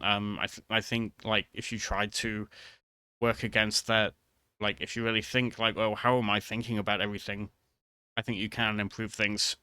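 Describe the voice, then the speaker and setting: Low-voiced man rambling haltingly, crisp dry sound. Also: bright, forceful tone, dry recording. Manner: hesitant, halting, trailing off mid-thought. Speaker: vtuber video creator. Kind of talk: casual rambling monologue to viewers.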